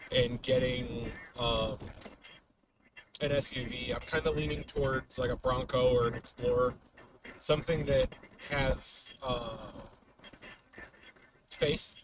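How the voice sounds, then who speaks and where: A man livestreaming as a storm chaser from a moving car, chatting casually and off the cuff, often trailing off mid-thought. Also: medium pitch. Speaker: storm chaser live streamer. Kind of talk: casual unscripted livestream chat while driving. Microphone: webcam microphone in car. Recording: noisy car, distant webcam mic.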